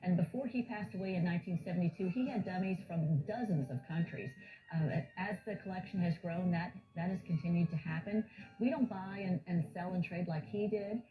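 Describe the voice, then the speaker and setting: A woman speaking as a museum curator in an informal documentary interview, explaining in a measured way. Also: fairly low pitch. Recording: thin phone-like audio under music. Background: background music.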